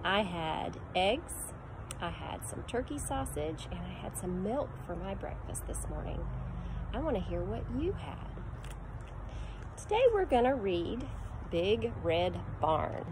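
This woman's voice is fairly low in pitch yet very animated, at a measured pace, with background noise. A middle-aged preschool teacher, she reads a picture book to children in a sing-song voice, sometimes breaking into animal sounds. The recording was made outdoors on a backyard deck using a phone camera held at arm's length.

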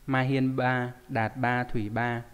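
A man's voice: medium pitch, flat delivery, slow pace, clean tone. A man teaching a live online language class, reading out student answers and asking the class frequent rhetorical questions. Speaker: Japanese teacher. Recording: long hall reverb.

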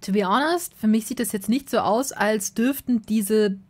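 A woman commenting on a game as she plays, chatty and excitable, breaking into exasperated shouts and swearing. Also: medium pitch, normal speed. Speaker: Let's Play host.

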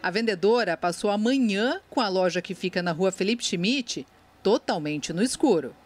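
A woman with a Brazilian Portuguese accent reading a scripted news voice-over in a measured, formal way. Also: mid-range voice, animated, slight background noise. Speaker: news reporter. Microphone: studio voice-over.

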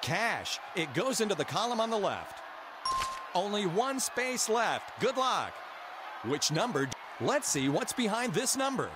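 A man's voice: high-pitched, sing-song, a little slow, over music. A man playing an emphatic game show host who guides a contestant with scripted instructions and exclamations. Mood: upbeat. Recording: clear background game noise.

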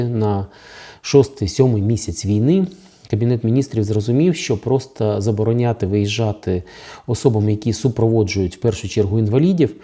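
A man's voice: lowish voice, mellow, husky. A man with a Ukrainian accent hosting his own legal channel, explaining new rules in a sarcastic, critical tone with many fillers. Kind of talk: direct-to-camera legal commentary.

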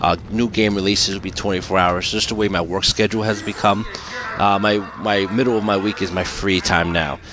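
A man giving casual gameplay commentary and channel updates as a streamer, in a loose, halting, informal way. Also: lowish voice, fairly even intonation. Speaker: game streamer and video creator. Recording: clearly noisy game audio behind voice. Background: video game ambience and noise.

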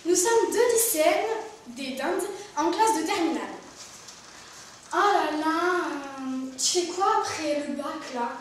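A woman presenting a word sketch, briskly correcting her partner. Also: extremely high pitch, very echoey, recorded from a distance, slight background noise, low-quality recording.

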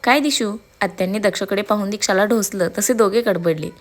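A woman's voice: mid-range voice, a little fast. A woman storyteller narrating a scripted story expressively. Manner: expressive reading.

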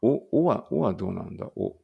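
A man's voice: low-pitched, animated, fairly quick, creaky, slightly rough, lo-fi sound. A man reading a study text aloud in a casual study-along and thinking aloud in muttered asides. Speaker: language teacher reading aloud.

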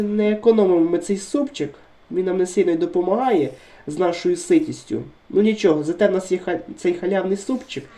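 A man narrates his gameplay in a steady chatter, and his voice sounds worn by illness. His tone is mellow and dark, and he turns excitable when the action heats up, repeating short words. Moments of calm talk alternate with bursts of urgency. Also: high voice. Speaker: gaming video creator. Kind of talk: let's-play commentary.

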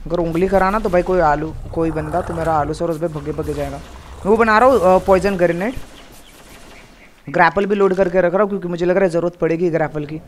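A young man chatting casually with a teammate while gaming, giving quick directions and repeating his calls. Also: sits high. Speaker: gamer streamer. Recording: faint background noise.

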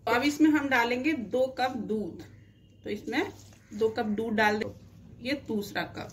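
A slightly slow, higher-pitched female voice comes with a touch of hiss or hum. She's a cooking channel host showing a home cooking process in her own kitchen, explaining things plainly step by step with many a "dekhiye."

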